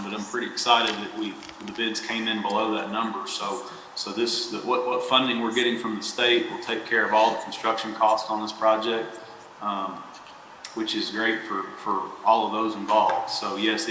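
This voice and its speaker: Flat bright-voiced guy explaining a project, lots of ums, far off the mic in an echoey hall. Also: fairly low pitch. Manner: hesitant, many ums and restarts. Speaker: county staff member reporting on a project. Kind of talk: answering a question at a public meeting. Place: county meeting chamber. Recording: distant mic in echoey chamber with faint noise.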